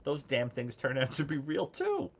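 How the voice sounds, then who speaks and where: A man co-hosting a casual call-in show, telling animated stories and laughing at his own jokes. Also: mid-range voice, moderate pace, lo-fi sound. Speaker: podcast co-host.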